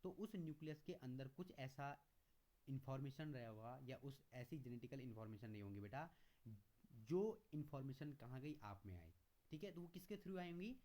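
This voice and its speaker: In a mellow, medium-pitched voice with lively intonation, a male teacher runs a classroom lecture by asking questions and answering them himself. He calls students "beta," explains in Hindi, and reads English notes aloud more slowly.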